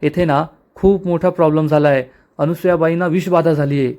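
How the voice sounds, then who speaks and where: A man's voice: a little high, steady tone, a little fast, darkish tone, natural voice. A man reading an urgent young village woman.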